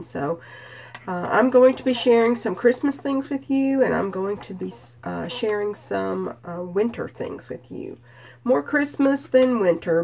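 A woman from Kentucky with a cold and a nasal voice, chatting gently about her stitching projects with many "uh" fillers. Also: fairly low pitch, gravelly. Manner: gentle, unhurried, frequent "uh" fillers. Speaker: stitching vlogger. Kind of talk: casual show-and-tell chat.

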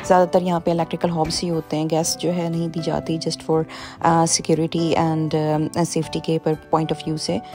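A woman vlogger walks through a show home room by room with her phone in hand, narrating casually for her viewers. She's chatty, uses plenty of fillers and slips into English. Her voice is lowish and mellow.

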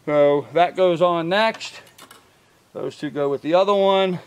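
Outdoors beside a truck in a field, an older man casually shows off his fishing gear, rambling with lots of ums and uhs and correcting himself as he goes. His voice is fairly high, clear and resonant, and he speaks a little slowly, captured by a camera mic a few feet away.

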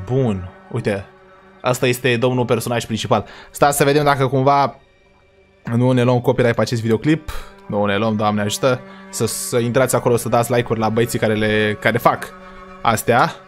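A young man hosting a reaction video, talking casually in slang and yelling in panic at jump scares. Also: mid-range voice.

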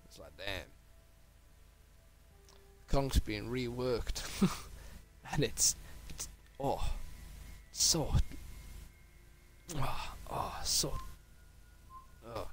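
A man's voice: medium pitch, expressive, very slow, long pauses. A young man giving casual, rambling commentary over his gameplay, tired and swearing now and then. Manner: swearing, laughing, rambling asides. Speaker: gaming video creator.

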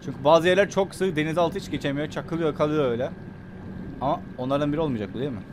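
A man doing jokey let's play commentary, pretending to be scared and swinging between hushed muttering and shrieks, with a Turkish accent. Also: fairly high pitch, rapid-fire, noisy background. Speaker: gaming YouTuber.

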